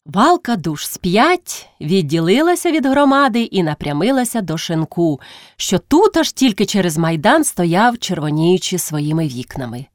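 A woman's voice: lowish voice, moderate pace, no echo, studio quality. A woman narrating classic prose as an audiobook, telling it expressively. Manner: expressive storytelling.

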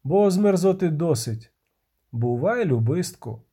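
A man's voice: fairly high pitch, expressive, a little slow, mellow, breathy edge. A man reading an audiobook, voicing a weary, proud monster hunter who speaks formally and bitterly. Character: weary proud male witcher.

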